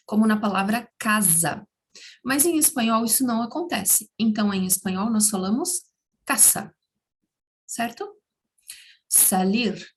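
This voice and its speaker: Brief: woman language teacher, higher voice, unhurried, patient delivery for students. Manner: patient, repeats words slowly for learners. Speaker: Spanish teacher. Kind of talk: slow explanatory language lesson.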